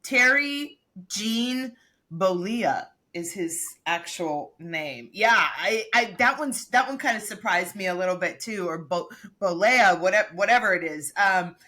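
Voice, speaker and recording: A woman's voice: mid-range voice, animated, unhurried, pushed and bright. A woman hosting a podcast who steers the topics in chatty, laughing casual conversation. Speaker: podcast host. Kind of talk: casual chat.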